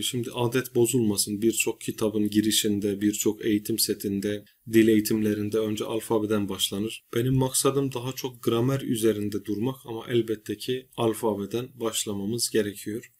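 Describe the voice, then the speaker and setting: Man, teacher, lower voice, patient, explains step by step, repeats example words. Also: slightly rough. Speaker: language teacher. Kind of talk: recorded grammar lesson.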